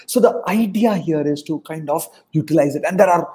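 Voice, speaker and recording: This test prep coach, a middle-aged South Indian-accented man, talks fairly quickly in a warm, fairly high-pitched voice. He's running a motivational webinar for students on a video call from a room at home, driving points home by repeating them and slipping into Hindi now and then.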